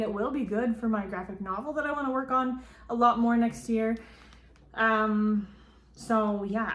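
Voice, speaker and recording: Woman, phone video recording, roomy echo, casual rambling chat, slightly high voice. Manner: chatty and rambling, with frequent ums and likes. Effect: filmed as a phone video. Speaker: book vlogger. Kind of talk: casual book haul chat. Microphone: phone camera.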